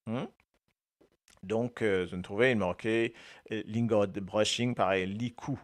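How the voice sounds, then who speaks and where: Mauritian male radio host, unhurried, hesitant chatty delivery with frequent laughs, talks to listeners by name. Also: fairly low pitch, fairly even intonation. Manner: hesitant, many filler sounds, laughs often, speaks to listeners by name. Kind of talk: casual radio talk about Creole words.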